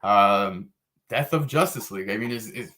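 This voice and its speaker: A man's voice: lowish voice, moderate pace, pushed and bright. A man hosting a casual comics podcast, talking enthusiastically about covers with lots of fillers. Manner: laid-back, enthusiastic, frequent fillers. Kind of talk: casual chat.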